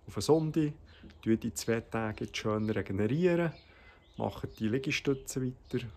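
A man in his forties talks through a workout in an informal, encouraging way. His delivery is unhurried and his voice has a gravelly fry. He is recorded outdoors on a camera mic with some noise around him. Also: lowish voice, a little mellow. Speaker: fitness challenge host and coach. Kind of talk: casual workout instruction to camera. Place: outdoors in a residential garden. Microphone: camera microphone, close at first, later several metres away.

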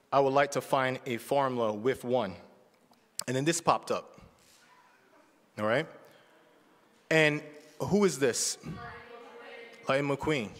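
A man's voice: mid-range voice, fairly bright tone. A man in his forties giving a casual, conversational sermon as a church speaker, often checking in with the congregation. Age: 40s. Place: church sanctuary. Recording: long reverb of a church hall.

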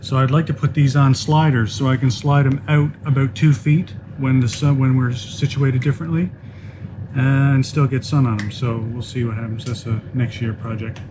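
A man's voice: mid-range voice, steady tone, normal speed, noisy background. A man in his forties, co-host of a boat vlog, chatting casually and rambling about the weather outdoors. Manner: rambling, easygoing commentary.

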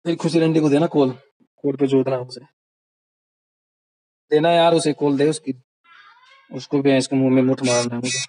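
Husky-voiced man in an aggressive rant. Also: mid-range voice, fairly even intonation, moderate pace, pauses often, mellow, poor audio. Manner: aggressive, taunting, relentlessly insulting. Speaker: caller in a group voice call. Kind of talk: heated taunting rant on a voice call. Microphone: phone on a voice call, screen-recorded.

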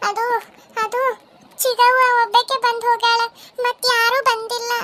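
A woman voicing a frightened young village bride with a North Karnataka Kannada accent, speaking high and tearfully. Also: little pitch movement, measured pace, bright, forceful tone, heavily acted.

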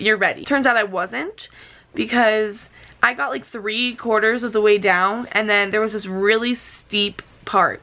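A woman's voice: mid-range voice, sharp tone. A young woman casually telling a story to a phone held at arm's length in a bedroom. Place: small bedroom indoors.

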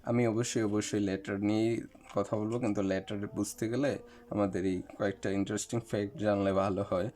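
Low, mellow-voiced man teaching a lesson. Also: fairly even intonation, fairly quick. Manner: explanatory, with fillers, addresses viewers directly. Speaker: English teacher. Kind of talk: explaining lesson.

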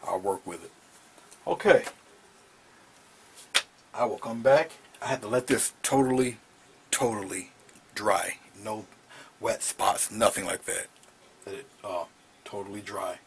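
A middle-aged man teaches painting at home in a small studio, speaking a little slowly with vocal fry and long pauses. He talks in a relaxed way as he paints, frequently lowering to a murmur over the brushwork. The recording carries a little hiss or hum.

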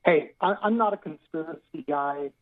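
A male radio caller on speakerphone with the phone held away from his mouth, talking in a halting, stumbling way full of uhs. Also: on the high side, crowd noise. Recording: tinny, distant phone line.

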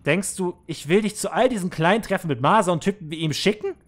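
A man's voice: high voice, lively intonation, fast talker. A man voicing a cruel, manipulative older male manager who scolds condescendingly, reading game dialogue in a let's play. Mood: menacing.

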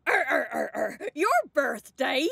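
Bumbling cartoon pirate, gravelly, high and sing-song, slow. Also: female voice, lively intonation, fairly bright tone, no room sound, studio quality, full character voice. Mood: blustering. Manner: hesitant, stammering bluster. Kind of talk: animated children's cartoon.

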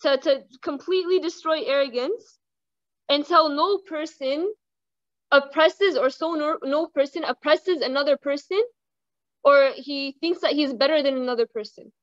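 A young woman giving a casual religious reminder, chatting with the audience, asking them questions and reciting Arabic quickly. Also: high-pitched, no echo. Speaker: Islamic reminder speaker. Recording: dull lo-fi dry sound.

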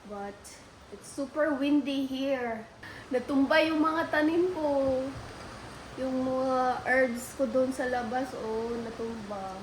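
Woman vlogger, chatty and relaxed, high voice, storm noise in the recording. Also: slow pace, low-quality recording. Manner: chatty, addresses viewers as guys. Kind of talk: casual family vlog chat.

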